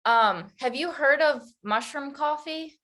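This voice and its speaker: A woman's voice: high-pitched, a little slow, a crowd in the background. A woman hosting an interview, talking in a friendly, easygoing way with many fillers. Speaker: podcast host, interviewer. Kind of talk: casual interview chat.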